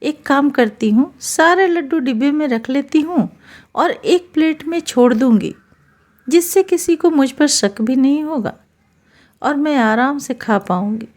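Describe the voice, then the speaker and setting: A woman's voice: sits high, measured pace, a little mellow. Anaya, a sly greedy young wife, as a woman narrator puts her on. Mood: delighted scheming. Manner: sneaky, scheming.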